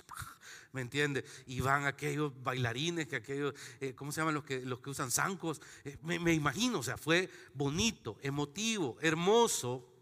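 A man's voice: fairly high pitch, bright, forceful tone, big-room sound. A man, preaching a sermon as pastor in a conversational, joking way with little acted-out asides. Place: church sanctuary.

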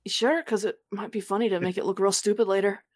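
A woman's voice: mid-range voice, steady tone, fast talker. A woman bantering as a tabletop game player in casual slang, blunt and irreverent, with some swearing.

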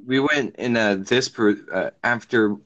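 A man's voice: mid-range voice, a little slow, a bit bright, no echo, lo-fi sound. A young man chatting casually on a friends' call podcast, teasing and crude, often talking over the others. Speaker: podcast co-host. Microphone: home mic on a call.

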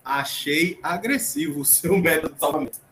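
A man's voice: on the high side, moderate pace, a bit bright. A man hosting a casual podcast, chatty and joking as he recaps a cooking show. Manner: chatty, recaps with jokes and asides. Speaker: podcast host. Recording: roomy echo, faint noise.

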